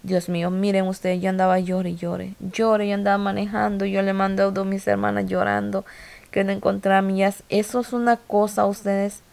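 A woman's voice: medium pitch, flat delivery, normal speed, vocal fry, darkish tone. A middle-aged woman, emotionally retelling a story to her viewers in casual vlog style. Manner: emotional, repetitive retelling with quoted dialogue. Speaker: vlogger.

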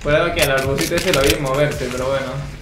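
A man giving live commentary on his own video game, excitable and swearing as he talks to himself. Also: medium pitch, fast talker. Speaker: gameplay streamer. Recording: echoey room with loud background noise.

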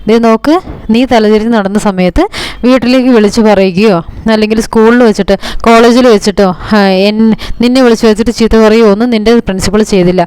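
A woman's voice: mid-range voice, steady tone, fast, a little mellow, clean tone, dry recording, natural voice. Woman voicing a firm, reassuring husband. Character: steady adult male husband, reassuring.

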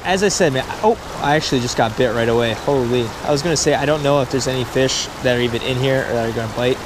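A young fishing vlogger from Delaware, US, narrates excitedly into a handheld or chest-mounted action camera, mostly by a windy spillway but also in a store and a parked car. His mid-range voice comes through chatty over outdoor wind noise.

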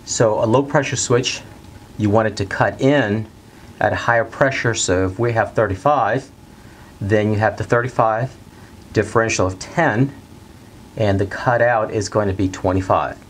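Steady middle-aged man teaching at a whiteboard. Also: lowish voice, slight background noise. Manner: plain, steady, repeats key steps slowly. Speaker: HVAC instructor. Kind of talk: whiteboard technical lesson. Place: bright indoor studio at a whiteboard.

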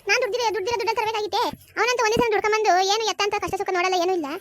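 A performer voicing a sharp-tongued village wife, scolding rapidly in a cartoon. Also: very high voice, fairly even intonation, heavy background noise. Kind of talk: cartoon voice acting.

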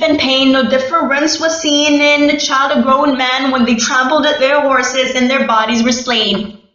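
Mournful high woman reciting spoken word. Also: a bit bright. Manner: mournful, rhythmic recitation with a repeated refrain. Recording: echoey, distant, muffled recording.

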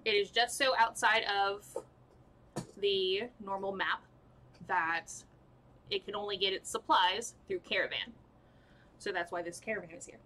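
Woman dungeon master, slow unhurried delivery, bright edge, lots of ums and restarts. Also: medium pitch, fairly even intonation, a little hiss or hum, poor audio. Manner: halting, filler-heavy, laughing at her own slips. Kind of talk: narrating a tabletop game on a live stream.

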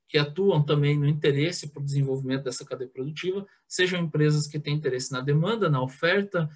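A man in his thirties giving an online conference presentation over a headset mic, hesitant, with many filler sounds and restarts. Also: fairly high pitch. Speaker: president of a biogas association giving a talk. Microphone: headset on a video call.

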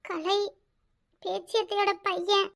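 A bitter, secretive young daughter from a village cartoon speaks in a very high, bright tone, voiced by a woman. Her Kanyakumari Tamil accent carries pleading words with cold resentment underneath. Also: fairly even intonation, moderate pace. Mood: evasive. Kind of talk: cartoon voice acting.

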